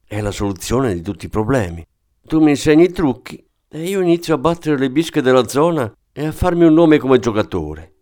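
A man reading aloud and voicing an eager, clumsy small-time thief with a wheedling, excitable manner. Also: medium pitch, a little fast, voice pushed up, close to an everyday voice. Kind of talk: audiobook character voice.

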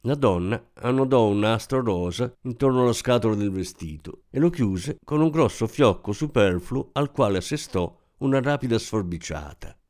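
A man narrating a novel aloud in an expressive storytelling manner. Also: medium pitch, moderate pace, few pauses. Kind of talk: scripted audiobook narration.

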